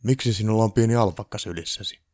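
A man voicing an unflappable old Santa Claus who speaks calmly and deliberately. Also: on the low side, dry recording, studio quality, pitched above the performer's own voice, lightly acted. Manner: calm and deliberate.

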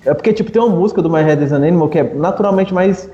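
A man with a mellow, slightly high voice chats casually about concerts, full of easy slang. His sound is roomy and a bit dull, like a home call mic, with faint music behind. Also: very fast. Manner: relaxed, slangy, enthusiastic. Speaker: podcast co-host. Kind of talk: casual chat. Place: remote video call.

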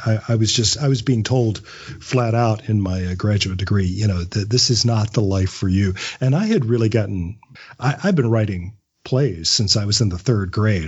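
Appearing as a guest in an interview, a writer-actor tells relaxed, conversational anecdotes and chuckles frequently. His voice runs on the low side with some breathiness, and the recording's highs are cut off.

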